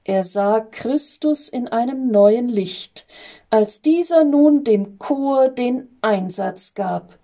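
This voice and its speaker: A woman reading a Christmas story aloud in a calm, measured way. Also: a little high.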